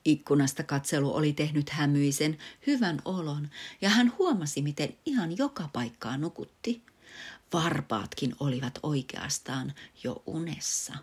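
A woman reading a children's storybook aloud in a calm, gentle, even way, close to the mic. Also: low voice, breathy edge. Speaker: audiobook reader.

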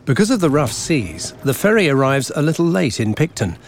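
A man narrating a scripted adventure race story in a dramatic, animated way. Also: on the high side, brisk, a little hiss or hum.

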